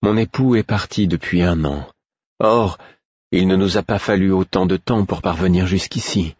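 A man's voice: low voice, moderate pace, a little mellow, husky, dry recording, muffled recording. A man reading a commanding, worried queen. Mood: earnest. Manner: commanding, thoughtful. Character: earnest, worried young queen.

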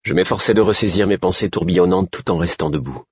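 Low, husky male narrator. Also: fast, darkish tone, no echo, highs cut off. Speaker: audiobook narrator. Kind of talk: first-person novel narration.

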